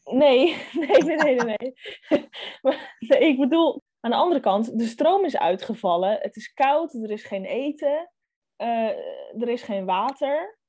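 A young woman co-hosting a book podcast, her voice sitting a little high and sounding soft and mellow. She reads passages aloud and chats casually, thinking aloud with hesitant fillers and restarts. She has an easygoing podcast delivery. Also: lively intonation, unhurried. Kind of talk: casual book chat with read-aloud excerpt.

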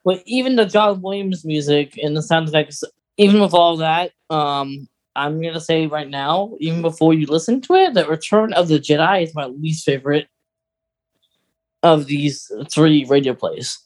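A podcast co-host with a mid-range, darkish voice talks at a moderate pace. He chats casually and emphatically, sharing strong opinions about films and radio dramas in an informal, conversational way.

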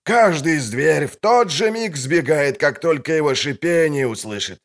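A man's voice: fairly high pitch, animated, a little slow, voice pushed up. A man voicing a boastful, crude male fairground showman with folksy huckster patter in an audiobook. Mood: hawking. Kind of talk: audiobook character voice.

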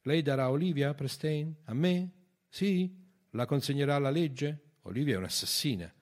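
A man's voice: fairly low pitch, moderate pace, a little mellow, lightly acted. A man voicing a tormented, scarred outlaw in an audiobook reading, intense and challenging. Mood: taunting.

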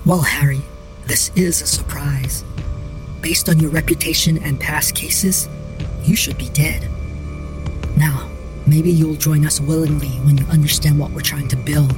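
A man voicing an arrogant young woman who secretly wields magic, speaking in a smooth, condescending way over background music. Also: on the high side, steady tone, unhurried, close to an everyday voice. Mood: smug.

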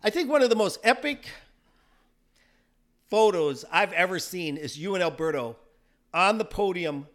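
A man co-hosting a podcast, telling stories in an animated way and laughing often. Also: high voice, measured pace, long pauses. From South Dakota. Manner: animated storyteller, laughs often, acts out quotes. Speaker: podcast co-host. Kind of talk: casual chat.

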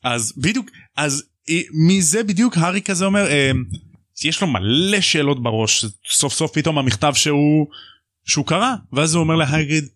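A man hosting a podcast in a loose, jokey way, acting out the characters as he retells the story. His voice sits a little high and moves about a lot. The recording is dry and close. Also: dry recording. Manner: animated, jokey, acts out voices. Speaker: podcast host. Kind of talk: casual chat retelling a book.

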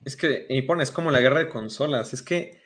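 A man with a Mexican Spanish accent hosts a casual podcast discussion, rambling along and leaning on fillers like "o sea." His voice is medium in pitch and fairly bright, at a moderate pace.

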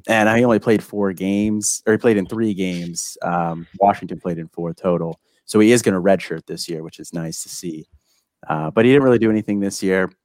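Deep-voiced man chatting sports analysis, close and dry. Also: darkish tone, no room sound. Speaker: guest football prospect analyst. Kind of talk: casual sports analysis chat.

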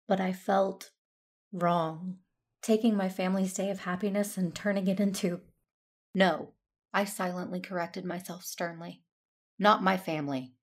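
A woman with a fairly low voice narrates as a dutiful, self-stern Jedi in a sci-fi audio drama. Her delivery is earnest and measured.

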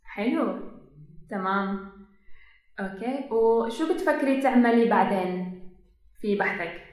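A woman with a Levantine Arabic accent, interviewing casually with short acknowledgements, prompts and gentle corrections. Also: fairly high pitch, unhurried. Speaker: interviewer and language tutor. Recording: very echoey, reverberant room.

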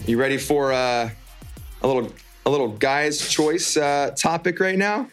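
A man's voice: a little high, measured pace, fairly bright tone, faint music behind. A man chatting casually as a podcast co-host, upbeat and informal, speaking to his listeners like friends. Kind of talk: casual chat. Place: holiday rental, remote call over spotty Wi-Fi.

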